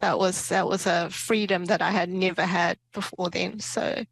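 Her voice sits on the low side, with vocal fry, a breathy edge and fairly even intonation at a moderate pace. Interviewed on a podcast, this Myanmar-born woman, who moved to New Zealand as a child and became a property investor and entrepreneur, recounts her life casually and light-heartedly.

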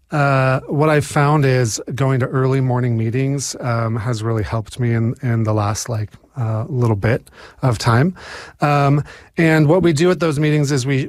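A man in his forties with an American accent and a mid-range voice shares his recovery story in a casual, hesitant personal account full of fillers and restarts. The studio recording is clean, with no room sound.

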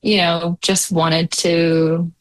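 Drawing out her words in a lowish, level voice, this young musician guest from New Zealand chats in a casual interview. Her accent is a mix of New Zealand and Canadian, and she fills her speech with laughs and fillers.

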